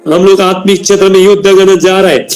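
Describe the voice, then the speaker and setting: A man preaching a fiery prayer sermon as a prophet, shouting hallelujah and slowly chanting in tongues between passages. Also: high voice, little pitch movement, soft background music, low-quality recording. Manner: stops to scold people to turn off a mic.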